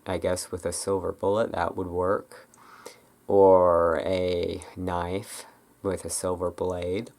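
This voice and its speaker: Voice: low-pitched, creaky, darkish tone. An ASMR creator chatting casually and off the cuff, rambling and hesitant, often trailing off. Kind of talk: casual improvised ASMR chat.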